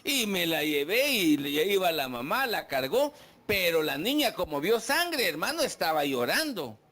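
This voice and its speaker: A man's voice: sits high, big pitch swings, normal speed, bright, forceful tone. A man preaching a sermon, putting questions to the congregation and acting out their complaints. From Guatemala. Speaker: pastor. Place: church.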